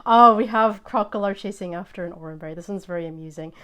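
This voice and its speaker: Chatty woman host, excitable and fast-tripping. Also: medium pitch, smooth. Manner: excitable, chatty, trips over words. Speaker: host opening trading card packs. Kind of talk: casual unboxing chat.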